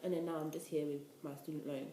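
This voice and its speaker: A young woman talks to the camera in a loose, rambling vlog style, leaning on "like" as she goes. Her voice sits a little low and mellow. The room around her is echoey. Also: little pitch movement, quick pace, slight background noise. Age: 20s. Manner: chatty, rambling, lots of "like". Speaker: vlogger. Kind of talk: casual talking-head vlog.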